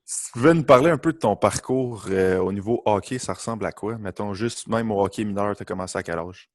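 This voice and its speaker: A man hosting a podcast, with a lowish voice recorded dry. He sounds friendly and informal and throws in English words. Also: a little fast, a little mellow, no room sound. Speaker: podcast host. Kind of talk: casual podcast interview.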